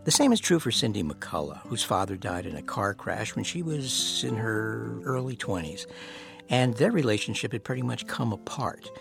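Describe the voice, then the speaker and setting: A man hosting a podcast, speaking gently and thoughtfully from a studio. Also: on the low side, animated, moderate pace, vocal fry, music in the background. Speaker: podcast host. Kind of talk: reflective narration and phone interview. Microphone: studio mic.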